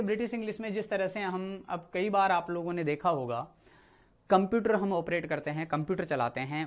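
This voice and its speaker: A male teacher explaining an English lesson, repeating key words and checking in often. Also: fairly high pitch. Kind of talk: spoken Hindi classroom lesson.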